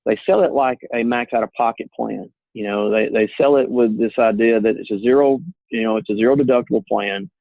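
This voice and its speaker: Over a call, a man who works as an insurance agent explains things casually, in an earnest, plain-spoken way. His medium-pitched voice is steady, fairly quick, and creaky, and the tinny phone line is dry.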